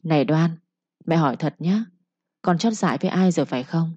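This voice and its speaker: Bà Thản nags and lectures, sharp-tongued yet low and mellow, as a woman narrator puts her on. The sound is dry and dull, a lo-fi storybook recording. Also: lively intonation, fairly quick, breathy edge, no echo. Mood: nagging. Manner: nagging, lecturing with proverbs. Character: sharp-tongued scolding village mother.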